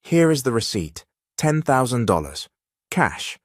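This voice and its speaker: A woman's voice: a bass voice, very animated, unhurried, no echo, studio quality, voice pushed up, exaggerated voice. A man playing a frightened, timid young woman who stammers, in a narrated story. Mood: quiet firm.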